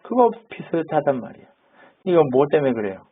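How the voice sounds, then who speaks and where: A man's voice: on the high side, big pitch swings, a little fast, husky. A man preaching a sermon as pastor, chatting with his congregation, asking them questions and acting out the quotes he tells. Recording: phone-like narrow band.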